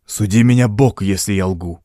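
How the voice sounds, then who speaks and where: A man's voice: fairly low pitch, normal speed, a little mellow, no echo, studio quality, close to an everyday voice. A man voicing an anguished young husband who speaks grimly, his voice trembling. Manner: grim, trembling.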